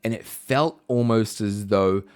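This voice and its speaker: A man's voice: fairly low pitch, unhurried, a little mellow, clean tone, dry recording, studio quality. A man streaming and chatting casually with his viewers, reading their messages aloud. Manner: chatty, reads chat messages aloud, frequent fillers.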